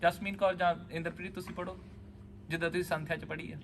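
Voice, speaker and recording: High-voiced man teaching a scripture class. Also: flat delivery, fast, noisy background. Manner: patient, calls students by name, asks questions. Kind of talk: class lesson mixing Punjabi and English.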